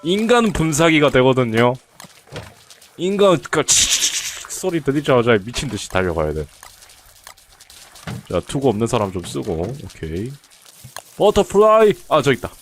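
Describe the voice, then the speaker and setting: Lively chatty man streaming a game. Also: mid-range voice, moderate pace, pauses often, slight background noise. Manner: chatty, talks to game characters, teasing. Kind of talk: casual gameplay commentary. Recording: faint game music behind.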